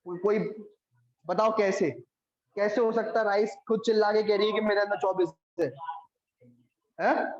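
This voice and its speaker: Male biology tutor, high voice, coaxing, quizzes students; roomy, muffled recording. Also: steady tone, moderate pace, pauses often, slight background noise. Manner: coaxing, repeats questions to students, calls them beta. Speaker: biology teacher. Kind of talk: classroom lecture. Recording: echoey room, dull lo-fi sound.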